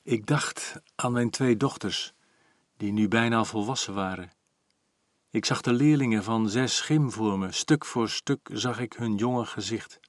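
A man in his forties calmly reading a first-person story aloud, even and reflective. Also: on the low side, measured pace, no room sound, studio quality. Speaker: audiobook narrator.

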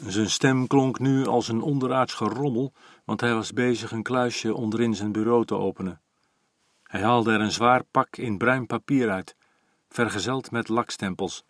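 A man in his forties calmly reading a first-person story aloud, even and reflective. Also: mid-range voice, normal speed, no echo, clean studio sound. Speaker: audiobook narrator.

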